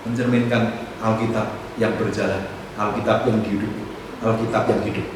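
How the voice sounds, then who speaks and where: A man, a pastor preaching a sermon, swinging from loud exhortation to soft asides. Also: on the low side, flat delivery, normal speed. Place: church hall. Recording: echoey church hall, distant mic, noisy room.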